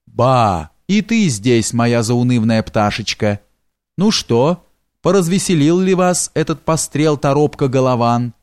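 A man's voice: medium pitch, expressive, unhurried, a little mellow, no room sound, clean studio sound, natural voice. A man doing a sly wheedling steward. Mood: jovial. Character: sly fawning male steward, flattering then fearful.

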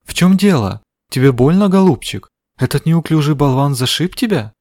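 A man voicing a loud, scolding elderly woman shopkeeper in a dry audiobook recording. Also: mid-range voice, moderate pace, dry recording, natural voice. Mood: indignant. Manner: fussing and bellowing. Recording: dry studio sound.

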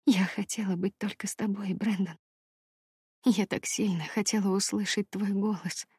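A woman reading the part of a tearful young woman in love, with a trembling, breathy delivery. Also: medium pitch, steady tone, moderate pace, mellow, no room sound, clean studio sound. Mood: tender. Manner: trembling, breathy whisper rising to earnest.

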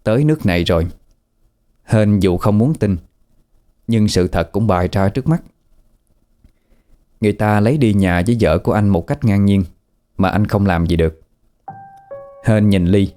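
A man narrating a ghost story in a steady, sorrowful manner. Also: on the low side, moderate pace, long pauses, faint music behind.

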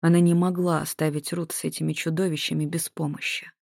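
An audiobook narrator reading scripted prose in an even, measured way. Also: medium pitch, creaky, dry recording, studio quality.

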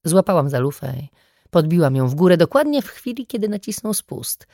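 A woman narrating an audiobook in the first person, with steady, dry storytelling on a close microphone. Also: lowish voice, a little fast, no room sound.

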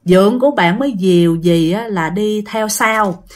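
A woman tells a ghost story in a chatty manner, addressing her listeners directly. Her voice is medium in pitch and her speed is normal.

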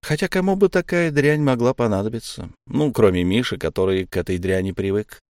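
A man reading a first-person story aloud in a calm, measured way. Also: on the low side, no echo, studio quality. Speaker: audiobook narrator. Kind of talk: first-person audiobook narration.

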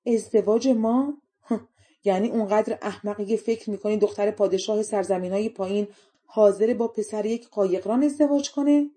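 A woman voicing a proud young princess who flatters and schemes, in a storybook reading. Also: fairly low pitch, husky. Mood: haughty. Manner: haughty, then coaxing and sweet.

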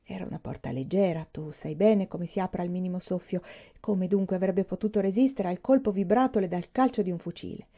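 An audiobook reader, a woman with a lowish, mellow and warm voice, reads a novel aloud at a steady, measured pace. The recording sounds dull and muffled.

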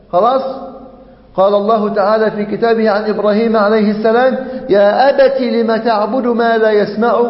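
Male sheikh, high pitch, drills grammar examples and chants verses; long reverb in a big hall. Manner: slow, drawn-out chanting of Quran verses and example forms; repeats examples to drill the class, checks in with the students. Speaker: sheikh teaching Arabic grammar. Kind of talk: religious grammar lesson. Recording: dull, echoey lecture hall audio.

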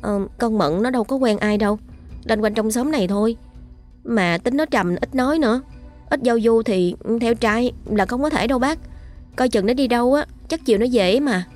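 A woman's voice: on the high side, normal speed, a little mellow, faint music behind, pitched above the performer's own voice, lightly acted. A woman voicing a hesitant young village girl who tries to reassure an older woman. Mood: reassuring.

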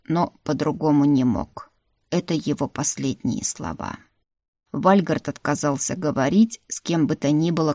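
Brief: a woman reading as a composed older-brother rector, deep, measured, dry-spoken, storybook reading. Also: a little mellow, no room sound. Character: calm male rector, the heroine's older brother.

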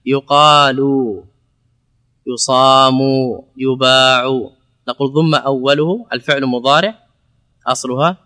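A man giving a classroom lecture on Arabic grammar, explaining step by step, asking and answering his own questions and repeating words slowly as a drill. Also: mid-range voice, steady tone, pushed and bright.

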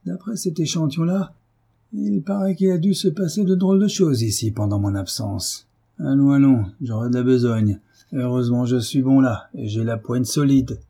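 The performer, a man, uses a medium-pitched, creaky voice with a breathy edge and a moderate pace. He is voicing an audiobook character, a brutish, hot-tempered middle-aged landowner who, in a furious mood, blusters, curses and shouts.

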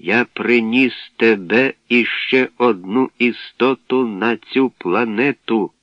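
A man voicing a calm male ship robot that speaks in a measured, clipped, businesslike monotone. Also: mid-range voice, no room sound, lightly acted. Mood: flat calm. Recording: dry, dull lo-fi recording.

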